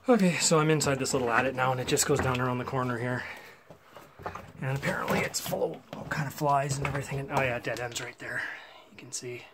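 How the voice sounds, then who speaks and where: Filming a walkthrough of an old outdoor mine site, this Canadian man casually narrates on a camera mic, thinking aloud with fillers. His voice is medium-pitched and steady in tone, his pace fast, and the recording very noisy.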